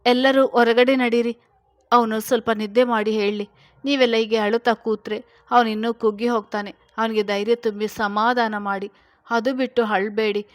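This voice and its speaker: A woman voicing a firm young male doctor who gives brisk orders and scolds the family in a storybook reading. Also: fairly high pitch, steady tone, no room sound, studio quality, lightly acted. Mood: scolding.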